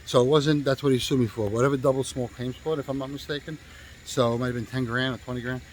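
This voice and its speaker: A man's voice: medium pitch, fairly even intonation, fast, slight background noise, low-quality recording. A male real estate agent telling a story in a casual, rambling way, swearing freely and stopping often to restart with fillers.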